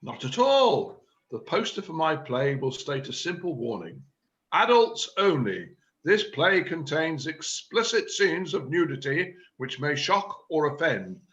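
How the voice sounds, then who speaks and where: A man's voice: fairly high pitch, big pitch swings, measured pace, a bit bright, highs cut off. A man reading the part of a self-important chairman of an amateur drama group, declaiming his big plan. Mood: scheming. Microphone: video call.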